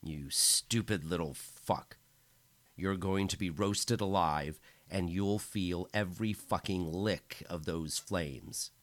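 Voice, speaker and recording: A man voicing a cruel male tyrant who gives booming, theatrical speeches to a crowd, in an audiobook. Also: slow, no room sound. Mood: menacing.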